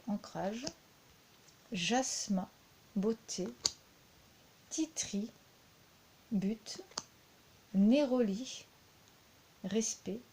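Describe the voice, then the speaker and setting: A woman with a French accent talks through a card deck at a slow, unhurried pace. Her voice is soft and mellow, and she hesitates often, repeating words as she goes. A faint hiss sits under the recording. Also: medium pitch. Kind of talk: unhurried spoken review.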